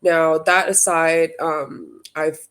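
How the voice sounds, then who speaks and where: A woman's voice: low voice, steady tone, slow pace, fairly bright tone, clean tone. Hesitant young woman from Hong Kong. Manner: thoughtful, many ums and restarts. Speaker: guest artist. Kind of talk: interview answers.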